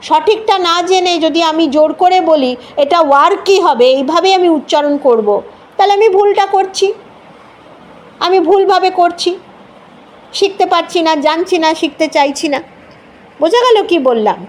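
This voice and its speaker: A woman's voice: extremely high pitch, normal speed. A woman with a Bengali accent teaching an English word, patiently repeating each sound and mixing English into her Bengali. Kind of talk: explanatory lesson.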